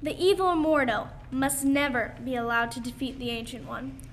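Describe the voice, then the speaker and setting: A woman's voice: sits high, moderate pace, close to an everyday voice. A teenage girl playing an earnest, anxious woman doctor heroine in a school radio play, with dramatic, emphatic delivery. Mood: determined. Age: young teenager. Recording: faint background noise.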